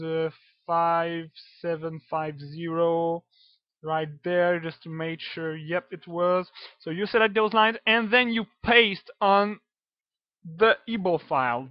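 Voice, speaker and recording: A native French speaker with a French accent and a fairly high-pitched voice gives a casual screen-recorded modding tutorial. He sounds hesitant, using many fillers and swearing casually, captured on a dull, dry, lo-fi computer mic.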